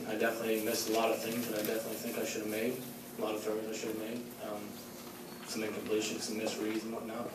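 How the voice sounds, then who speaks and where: Young man, halting answers in an echoey room. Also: on the low side. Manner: halting, many fillers, self-critical. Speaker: quarterback at a press conference. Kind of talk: post-game press conference answers. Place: large echoey press room. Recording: echoey room, distant mic, background noise.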